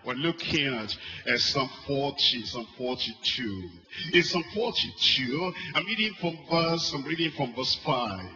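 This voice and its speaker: A man preaching a sermon, who repeats questions and swings between loud urging and low, quiet musing. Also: lively intonation, a little slow. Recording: dull lo-fi recording with faint music.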